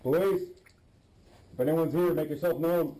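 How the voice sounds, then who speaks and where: A man's voice: fairly high pitch, fairly even intonation, normal speed, background noise. A man working as a police officer, calling out commands, heard on muffled body-cam audio that sounds like it comes through a tube.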